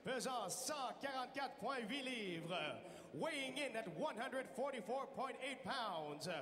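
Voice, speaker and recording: A man's voice: very high voice, animated, slow pace, crowd noise. A man announcing boxing bouts bilingually like a showy fight promoter, drawing out names over an arena PA. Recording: echoey arena PA with long reverb.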